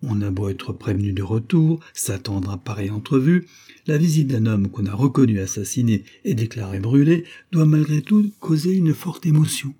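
A man reading a novel aloud in a measured, theatrical narration style. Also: mid-range voice, expressive, dark tone, breathy edge. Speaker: audiobook reader.

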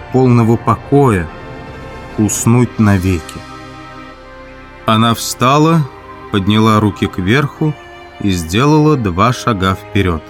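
A man reading a classic story aloud as an audiobook narrator, in measured, even storytelling. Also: medium pitch. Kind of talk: scripted narration.

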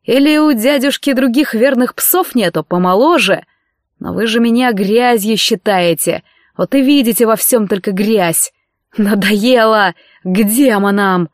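A woman's voice: a little high, unhurried, no room sound, natural voice. A woman voicing an anxious, self-pitying young nobleman who pleads and breaks into bitter outcries, in a dry audiobook reading. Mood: bitter outburst. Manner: pleading, tearful, bursts into outcries.

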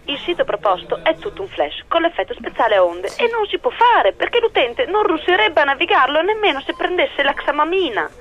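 A woman's voice: high voice, very animated, brisk, hardly any pauses, fairly bright tone. A woman playing an IT staffer heard over a speakerphone, rattling off English tech jargon and then translating it. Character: jargon-spouting woman from the IT department. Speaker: IT department staffer. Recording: lo-fi speakerphone line.

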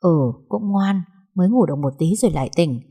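A woman voicing a kind middle-aged housemaid who talks gently and soothingly. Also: on the low side, animated, a little fast, husky.

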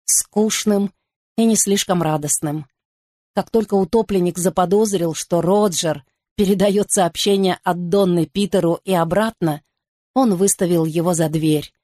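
Female audiobook narrator, even and calm, dry close sound. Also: fairly low pitch, measured pace, dry recording. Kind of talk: scripted literary narration.

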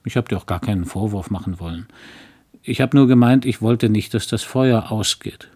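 Low voice, husky, a man doing a practical, fussy country doctor, audiobook. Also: normal speed, darkish tone. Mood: grumbling. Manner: mildly grumbling, fussy, practical. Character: good-natured small-town doctor husband, fussy. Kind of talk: audiobook character voice.

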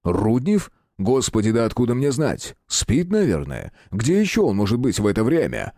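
A man's voice: medium pitch, wildly swooping pitch, normal speed, mellow, no echo, clean studio sound. A man voicing a haughty, indignant doctor who is easily flustered. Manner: indignant, then bewildered.

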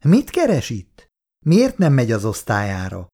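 A man voicing a female office worker who answers coldly and grows shaking with indignant anger, raising his voice above its usual pitch. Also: wildly swooping pitch, mellow, husky, exaggerated voice. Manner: cold and furious.

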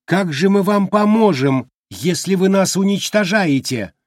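A man voicing an anguished captive man who shouts accusations in a strained, husky voice. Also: sits high, lively intonation, a little slow, no echo, clean studio sound, pitched above the performer's own voice.

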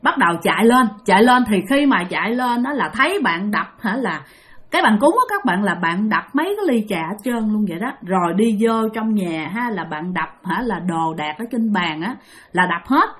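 A woman's voice: medium pitch, lively intonation, moderate pace. A woman with a Southern Vietnamese accent telling a ghost story, chatty and addressing listeners directly. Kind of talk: spoken ghost story narration.

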